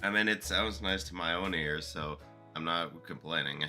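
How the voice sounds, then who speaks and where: Woman co-host, casual chat, extremely deep sleepy voice, dry, bright tone. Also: normal speed, soft background music. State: unusually deep, sleepy-sounding voice.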